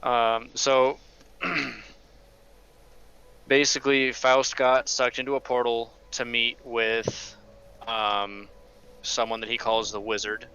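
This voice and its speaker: A man's voice: medium pitch, flat delivery, slow pace, pauses often, pushed and bright, clean tone, muffled recording. A man playing a tabletop role-playing game, casually explaining his character's backstory with a lot of hesitation and restarts. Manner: rambling, hesitant, many restarts. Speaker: player.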